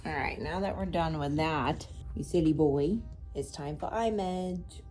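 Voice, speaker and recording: Low-voiced casual woman vlogger. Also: a little slow, music in the background. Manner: chatty, blunt and swears freely. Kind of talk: casual vlog chat.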